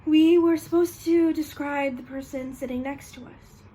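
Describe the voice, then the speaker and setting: A woman's voice: sits high, steady tone, moderate pace, warm tone, natural voice, low-quality recording. A young actress playing an awkward teenage girl reading a letter to a friend in an amateur stage-play monologue, wry and self-deprecating.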